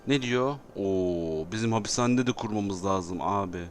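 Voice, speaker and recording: A man's voice: fairly low pitch, moderate pace, slight background noise. A Turkish man commentating a city-building game, given to dramatic exasperated outbursts and repeated phrases. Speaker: gameplay commentator. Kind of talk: excitable gameplay commentary.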